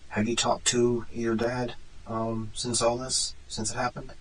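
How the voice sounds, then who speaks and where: A man's voice: medium pitch, little pitch movement, unhurried, breathy edge, low-quality recording. A man questions someone as a police interrogator in a plain, matter-of-fact way. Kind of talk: investigative questioning.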